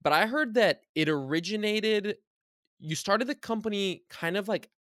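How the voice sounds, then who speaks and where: A man's voice: high-pitched, moderate pace, fairly bright tone, no room sound, clean studio sound. A man from Bulgaria hosting a podcast interview over a video call, chatty and enthusiastic, asking long rambling questions. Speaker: podcast host. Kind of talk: casual interview chat.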